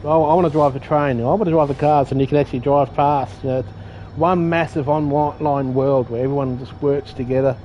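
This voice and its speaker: A gaming streamer talks casually while playing a train driving game, rambling, joking at his own expense and swearing mildly. His mid-range voice is steady in tone and fairly quick. The lo-fi audio sounds dull, with faint game noise underneath.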